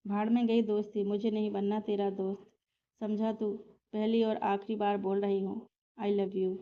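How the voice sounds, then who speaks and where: Fiery, bossy young woman in love, read by a woman storyteller, fairly monotone, slightly muffled recording. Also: high voice, unhurried. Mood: angry. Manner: fierce, bossy, scolding.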